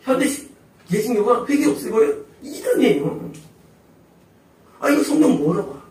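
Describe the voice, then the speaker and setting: A man's voice: very high voice, big pitch swings, normal speed, warm tone. A male pastor preaching a sermon emphatically, constantly asking the congregation rhetorical questions. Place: church sanctuary. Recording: echoey hall, voice from far off.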